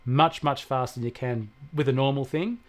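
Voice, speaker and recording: An Australian man co-hosts a casual technology show as its expert, speaking at medium pitch and a normal speed. He explains things in a plain-spoken, opinionated manner.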